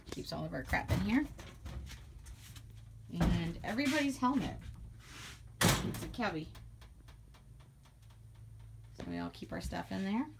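A woman giving a casual walkthrough of her horse barn on a handheld phone, chatty and quick to laugh as she points things out. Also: on the low side, vocal fry, heavy background noise. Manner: chatty, laughs often, lists items as she goes. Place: horse barn, paddock and tack room, in and out of doors. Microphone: handheld phone camera.

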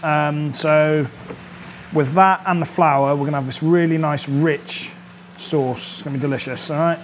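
On an indoor kitchen set, a chef in his thirties cooks and chats cheerfully, keeping in touch with viewers through "all right?" amid the sizzle of the pan. His slightly high voice keeps a moderate pace and fairly even intonation. A little hiss or hum comes through.

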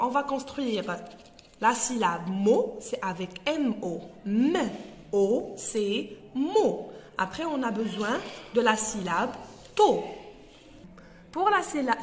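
A woman with Arabic as her native language hosts a reading tutorial for young children, hesitating with fillers and sounding out syllables slowly. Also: medium pitch, big-room sound, slight background noise. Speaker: host and teacher.

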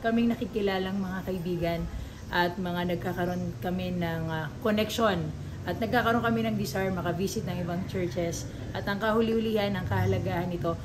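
A woman's voice: on the low side, fairly even intonation, fairly quick, background noise. A young woman giving a sincere, polite interview answer.

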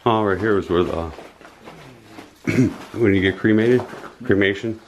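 A man in his thirties exploring an abandoned basement, making relaxed, impressed remarks from a distance. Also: on the low side, measured pace, slight background noise. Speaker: filming companion. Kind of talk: casual exploring chat.

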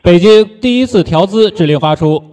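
A man's voice: high-pitched, expressive, moderate pace, dark tone. A man working as a mission control operator, making clipped, formal callouts.

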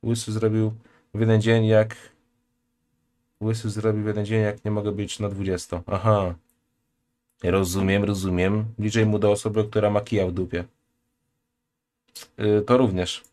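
A man's voice: on the low side, little pitch movement, moderate pace, pauses often, a little mellow. A man in his thirties, streaming from a home room, reacting bluntly and crudely in casual chat and reading donations aloud. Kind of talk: casual live-stream commentary.

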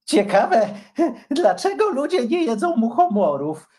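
Antoni, a man doing a shrill excitable young dragon. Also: full character voice. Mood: eager. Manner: shrill, eager and quick. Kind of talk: storybook character voice.

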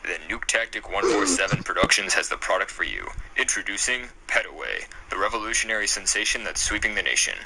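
A young man voicing a slick commercial announcer in a comedic mock advert, with a hard-sell pitch. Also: animated, quick pace, creaky, hardly any pauses, noisy background. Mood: hyped.

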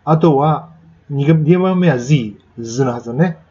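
A man's voice: on the high side, a little slow, warm tone, highs cut off. A man giving a casual spoken lesson on pronunciation, chatting and demonstrating sounds with exaggerated repetition. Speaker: English pronunciation teacher.

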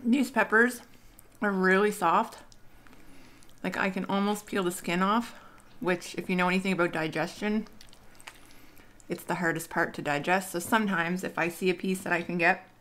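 A woman's voice: on the low side, steady tone, moderate pace, pauses often, a bit bright. Woman, thirties, mukbang vlog chat, rambling, laughs a lot, home dining room. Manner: chatty, rambling, laughs often. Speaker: mukbang vlogger. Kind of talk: casual chat while eating.

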